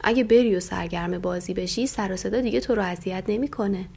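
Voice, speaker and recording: A woman voicing a calm, caring father lamb in a children's story, speaking gently and soothingly. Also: medium pitch, creaky, slightly rough.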